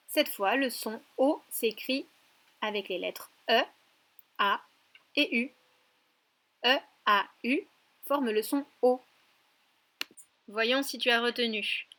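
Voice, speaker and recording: A woman teacher giving a recorded lesson to young children, speaking slowly and clearly and addressing the child directly. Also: fairly high pitch, fairly bright tone. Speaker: preschool teacher.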